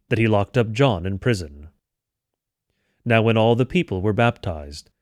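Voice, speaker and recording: A man with a fairly low voice reads scripture and catechism aloud for a daily devotional. He keeps a measured, even delivery, and the recording is close and dry with no room sound. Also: dry recording. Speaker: devotional reader. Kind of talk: liturgical scripture reading.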